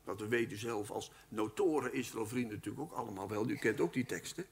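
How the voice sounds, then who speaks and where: A man giving a Bible teaching lecture at a live event, speaking in an animated, emphatic way and addressing his listeners formally. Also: fairly low pitch, a little fast, gravelly, breathy edge. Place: live talk at a weekend event.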